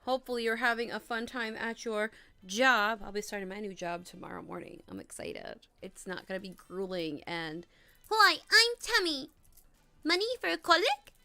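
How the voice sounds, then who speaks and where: A woman's voice: medium pitch, lively intonation, normal speed, vocal fry, pushed and bright, smooth, no echo. A woman around thirty chatting casually on a live stream and giving tarot readings, with an upbeat, rambling way of talking and a voice strained after losing it. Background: faint music.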